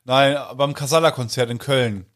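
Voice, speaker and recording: A man co-hosting a podcast, telling a story in casual chat with loud exclamations. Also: mid-range voice, moderate pace. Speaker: podcast co-host.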